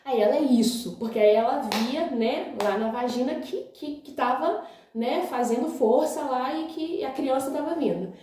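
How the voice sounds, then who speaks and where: A young Brazilian woman vlogs about her own life for viewers, chatty and casual, often saying "gente" and "né" and laughing along, with a Brazilian Portuguese accent. Her voice sits high with a dark tone at a moderate pace, recorded in a very echoey room with slight background noise.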